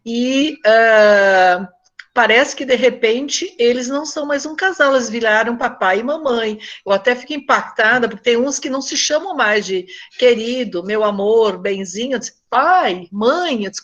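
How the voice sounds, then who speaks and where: A woman's voice: fairly high pitch, a bit bright. An older woman from Brazil with a Northeastern Brazilian accent. She is a psychologist who gives a conversational talk to a support group, telling stories and often checking in with her listeners. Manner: conversational, tells stories, often asks "né?" and addresses the group as "gente".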